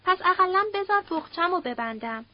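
A woman's voice: very high-pitched, lively intonation, pitched above the performer's own voice. A woman reading the part of a frightened young woman who pleads in everyday speech. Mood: fretful. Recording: dull lo-fi recording.

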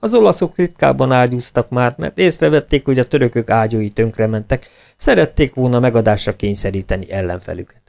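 A man reading a children's storybook aloud, expressive and animated. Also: medium pitch, gravelly. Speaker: audiobook reader. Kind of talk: storybook narration.

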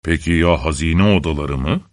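A man voicing Bluebeard, a cruel nobleman who growls and speaks slowly and threateningly. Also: rumbling low, no echo, clean studio sound, pitched below the performer's own voice. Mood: cold. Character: menacing cruel male nobleman, older.

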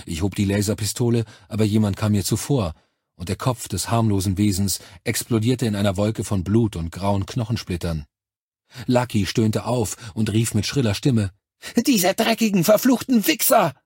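A man reading a science fiction story aloud as a first-person audiobook narration in an even, measured way. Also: lowish voice, breathy edge, no echo, clean studio sound.

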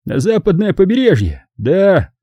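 Brief: man playing a smug heavyset aristocrat, rough-edged and drawling, dark husky tone. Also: high voice, wildly swooping pitch, a little slow, no room sound, pitched above the performer's own voice, exaggerated voice. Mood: lazy. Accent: slight German. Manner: lazy, condescending, teasing. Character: bald, heavy, haughty German count, mocking.

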